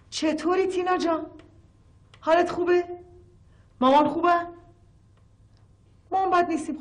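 A woman's voice: extremely high pitch, darkish tone. An actress playing a chatty, placating housewife and mother who speaks soothingly in a sitcom. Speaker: wife and mother. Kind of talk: TV sitcom acting.

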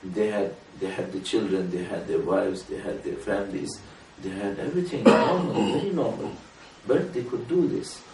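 A man giving an earnest sermon to a small gathering, speaking in a measured way that rises for emphasis. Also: on the low side, darkish tone. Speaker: religious speaker. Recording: roomy room from a distance, faint noise.

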